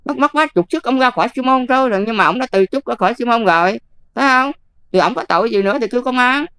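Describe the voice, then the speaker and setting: An older Buddhist nun with a Southern Vietnamese accent, talking casually and emphatically, often checking whether the listener follows. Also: female voice, fairly high pitch, expressive, fast talker, fairly bright tone, clean tone, dry recording. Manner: emphatic, keeps checking "see?". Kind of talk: casual advice talk.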